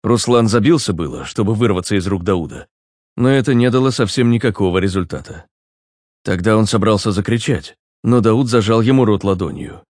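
A man narrating an audiobook in an even, steady storytelling manner. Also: on the low side, brisk, no echo, studio quality. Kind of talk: scripted narration.

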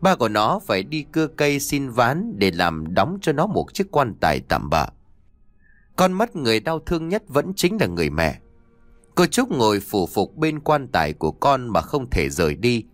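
A man narrating a spoken story, his voice rising and falling in a lively, dramatic sweep. The recording is dry and close, with no room sound. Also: mid-range voice, moderate pace, no echo, soft background music. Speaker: audiobook narrator.

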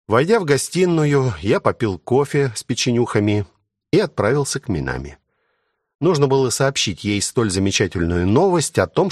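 A man narrating a first-person audiobook in a wry, expressive storytelling manner. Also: lowish voice, no echo, clean studio sound.

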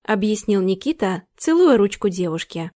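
A woman narrating an audiobook in a steady, expressive manner. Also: mid-range voice, moderate pace, no room sound, clean studio sound.

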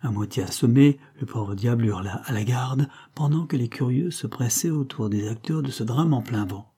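A man narrating a novel as an audiobook in a measured, steady reading. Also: medium pitch, breathy edge.

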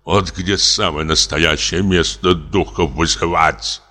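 A man voicing a drunk, frightened old comic actor in his late fifties, speaking in a slow, trembling, self-pitying lament. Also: low-pitched, steady tone, pushed and bright, in a large hall, exaggerated voice. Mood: fearful. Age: older. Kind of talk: audiobook character reading.

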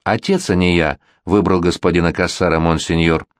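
A man's voice: deep voice, steady tone, normal speed, dry recording, studio quality, natural voice. A man voicing a virtuous young bride-to-be who pleads with a prince. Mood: earnest.

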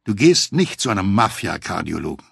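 Guy reading as a furious wife in an audiobook, scolding, gravelly low voice, dry sound. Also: sing-song, fairly quick, no echo, exaggerated voice. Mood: angry. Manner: sharp, scolding. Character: angry worried wife, adult woman.

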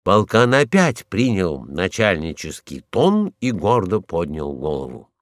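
Lively low-voiced man reading a story. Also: measured pace, no echo, studio quality. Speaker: narrator.

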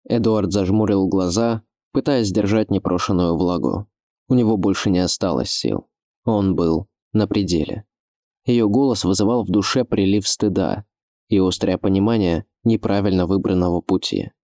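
A man narrating an audiobook in a measured, expressive literary reading. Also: low-pitched, no room sound, clean studio sound.

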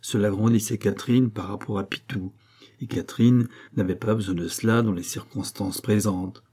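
A man narrating a classic novel as an audiobook, reading in measured, phrase-by-phrase delivery. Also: on the low side, steady tone, mellow, slightly rough.

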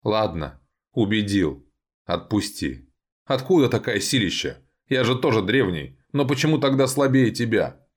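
A man's voice: fairly low pitch, sing-song, measured pace, slightly rough, voice pushed up, full character voice. A man voicing a brash, boastful ancient male vampire who speaks in a raised, cocky voice. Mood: surprised.

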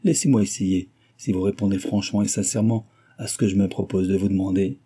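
A man reading the lines of a gentle, reserved young heiress in a classic novel, softly spoken. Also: low-pitched, fairly even intonation, fast talker, husky.

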